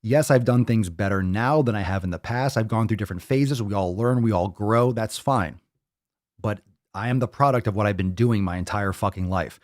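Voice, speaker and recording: A man in his thirties hosts a fitness podcast, lecturing bluntly and swearing plenty in a ranting, livestream-style manner. His mid-range voice is a little mellow, recorded with clean studio sound and no echo.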